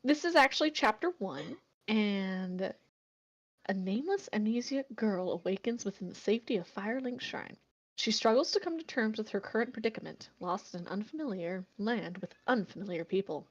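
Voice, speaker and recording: A woman hosting a relaxed voice chat, her pitch sitting right in the middle of the range. She jokes and laughs easily with friends, then drops to a low, steady tone to read a story aloud over her chat mic. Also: normal speed, highs cut off. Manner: laughs often, joking; reads in a low, steady tone. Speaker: host reading fan fiction aloud. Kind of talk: casual voice chat and reading fiction aloud.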